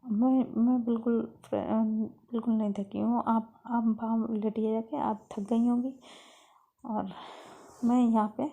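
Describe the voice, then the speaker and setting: A woman's voice: fairly high pitch, level tone, measured pace, vocal fry, highs cut off. A woman voicing Faiz, a tender, coaxing young woman. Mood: pleading. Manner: soft, coaxing, gently scolding. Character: caring young woman comforting her love.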